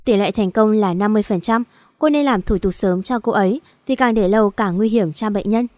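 A woman voicing a calm, matter-of-fact male hospital doctor in an audio story, in a formal, businesslike way. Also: medium pitch, fairly quick, no echo, lightly acted. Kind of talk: audiobook dialogue.

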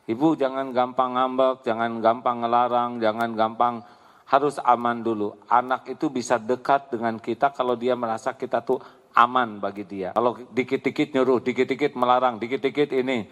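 Male preacher, animated storyteller, hall reverb. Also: mid-range voice, moderate pace. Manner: lively storytelling, acts out voices, laughs often. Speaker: preacher answering a question. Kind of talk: Islamic sermon, Q&A with audience.

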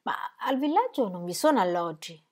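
A woman's voice: medium pitch, big pitch swings, normal speed, voice pushed up. A woman reading the part of an earnest, anxious young pastor's wife with breathless, gushing emphasis. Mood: eager.

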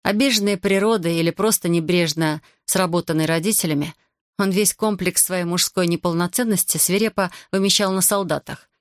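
An expressive audiobook narrator reading a novel at a mid pitch. The recording is dry and close, with no room sound. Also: a little fast, dry recording. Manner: expressive storytelling.

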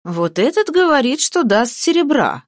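A woman's voice: high-pitched, big pitch swings, moderate pace, no echo, clean studio sound, voice pushed up. Woman doing a boyish young spearman. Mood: surprised. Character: young round-faced spearman youth, puzzled.

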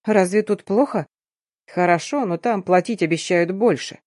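A woman voicing a confident, teasing young man in an audiobook, lowering her voice and drawing out the words. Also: normal speed, darkish tone, no room sound, studio quality, natural voice. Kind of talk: audiobook reading.

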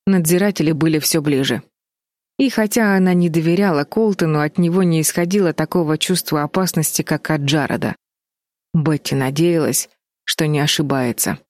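Female audiobook narrator, low and steady, dry booth sound. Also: normal speed, dry recording. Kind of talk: scripted narration.

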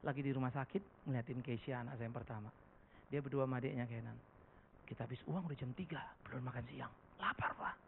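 A man voicing his young adult daughter as she quietly tells how she ran out of money and was hungry. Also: mid-range voice, fast talker, gravelly, a little hiss or hum, pitched below the performer's own voice, lightly acted. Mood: tired. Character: young adult daughter, tired and hungry, telling her story. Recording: tinny phone-like recording.

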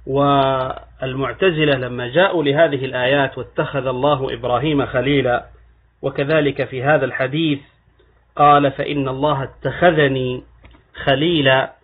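A man giving a religious lesson on hadith in a measured teaching cadence, rising with emphasis on key terms. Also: fairly high pitch. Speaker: Islamic scholar. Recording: tinny phone-like recording.

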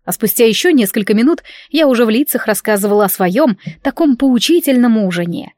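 A woman's voice: fairly high pitch, expressive, a little fast, darkish tone, no echo, clean studio sound. A woman narrating a first-person fantasy audiobook and voicing every character in the dialogue. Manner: voices each character in dialogue.

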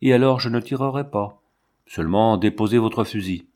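A man's voice: lowish voice, normal speed, a little mellow, lightly acted. A man voicing a stern aristocratic count who speaks curtly and imperiously in an audiobook. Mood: commanding. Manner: curt, imperious, menacing. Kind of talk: audiobook narration.

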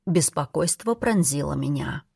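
Low-voiced woman narrating an audiobook. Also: animated, moderate pace, creaky, a little mellow, slightly rough, dry recording, clean studio sound. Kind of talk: first-person scripted narration.

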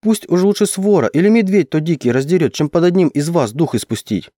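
A man's voice: very animated, a little fast, mellow, dry recording, studio quality. Man putting on a defiant young peasant woman. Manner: raised, higher indignant voice.

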